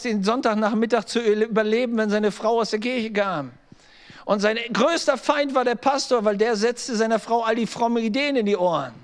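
A middle-aged male pastor with a fairly high voice delivers a lively, story-driven sermon. He slips into the voices of the people in his anecdotes, then turns and speaks straight to his listeners. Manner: storytelling preacher, acts out quoted voices, direct address to listeners.

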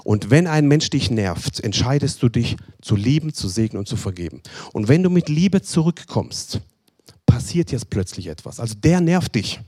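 A man delivers a sermon in a husky, slightly breathy voice at a middle pitch. He pleads with his listeners, repeats himself for emphasis and slips into quick acted-out exchanges. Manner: pleading, repetitive, addresses listeners directly; animated, acts out short dialogues in other voices. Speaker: preacher.

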